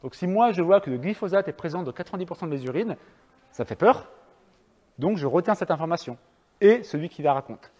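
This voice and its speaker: A man's voice: fairly high pitch, expressive, fairly quick, darkish tone. A French man giving a public talk to an audience, chatty and hesitant with many fillers and restarts. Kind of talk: lecture with audience questions. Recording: long reverb of a hall.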